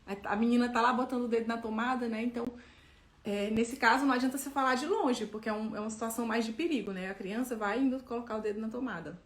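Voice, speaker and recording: Woman giving parenting tips, chatty, kinda high voice, echoey room. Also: fairly even intonation, fast talker. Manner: conversational, many tag questions. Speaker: parenting educator. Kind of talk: explaining parenting tips to camera.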